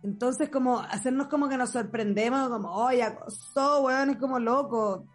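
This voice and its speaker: A young adult woman with a Chilean accent, co-hosting a casual podcast chat and telling animated, slang-filled stories. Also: sits high, normal speed, soft background music. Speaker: podcast co-host.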